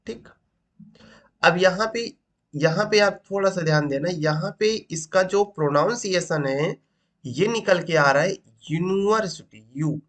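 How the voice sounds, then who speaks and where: A man explains grammar in a high, bright voice. He teaches at a steady, patient classroom pace, keeps asking his listeners questions and repeats key points. He checks understanding with short confirmations. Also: unhurried. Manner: asks rhetorical questions, repeats points, says "ठीक" often. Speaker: English teacher.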